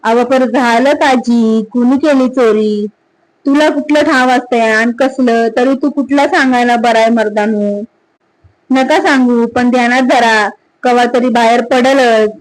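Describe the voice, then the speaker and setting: A woman's voice: fairly high pitch, steady tone, measured pace, close to an everyday voice, low-quality recording. A woman voicing a bewildered village laborer defending himself in rustic speech. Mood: defensive.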